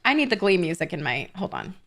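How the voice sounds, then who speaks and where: A young woman telling a story in character during a roleplay stream, animated and swearing, building to indignant outbursts. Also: mid-range voice, gravelly.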